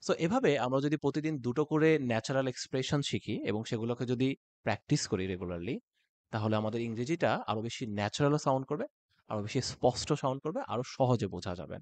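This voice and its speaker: A man with a Bengali accent teaching an IELTS speaking lesson, slowing down to model English phrases clearly. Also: mid-range voice, animated, a little mellow, dry recording.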